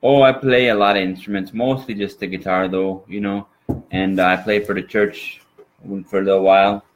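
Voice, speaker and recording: A man's voice: on the low side, fairly even intonation, normal speed, low-quality recording. A man from Minnesota with an exaggerated Minnesota accent, chatting as an interview guest in a folksy, rambling way. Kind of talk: casual interview chat.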